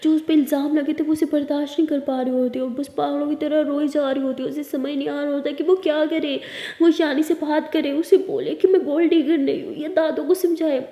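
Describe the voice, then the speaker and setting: Woman narrator for a serial love story, high and mellow, echoey. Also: steady tone, a little fast. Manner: emotive, retelling in present-continuous. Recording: echoey room with long reverb.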